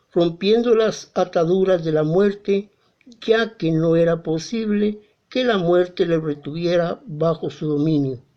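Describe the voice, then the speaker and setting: Slow, mellow lector reading scripture. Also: medium pitch. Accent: Guatemalan Spanish. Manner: slow, measured, even reading. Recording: dull muffled sound.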